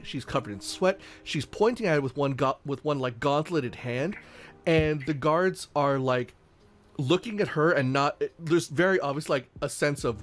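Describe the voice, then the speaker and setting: A man narrating as game master in a tabletop game, rambling with many fillers. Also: a little high.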